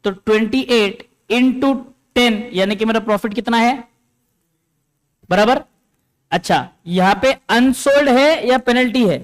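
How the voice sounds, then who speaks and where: A man's voice: very high voice, unhurried. A man teaching a classroom lecture, explaining step by step and often checking that students follow.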